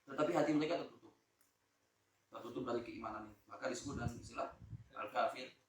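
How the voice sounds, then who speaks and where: A man from Lombok giving a Quran exegesis lecture to teachers, shifting between loud emphasis and soft asides, and drawing out Arabic words slowly. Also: mid-range voice, background noise. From Lombok, Indonesia. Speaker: Islamic teacher. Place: school hall, indoors. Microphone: phone camera recording. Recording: echoey room, distant phone mic.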